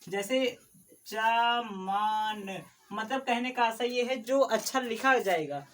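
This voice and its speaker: A male teacher drilling syllables in a patient, repetitive way, sounding some sounds loudly and others gently. He asks his own questions and then answers them. His voice is heard from some distance off the mic. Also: extremely high pitch, lively intonation, normal speed. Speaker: Hindi teacher. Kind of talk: classroom lesson on vowel marks.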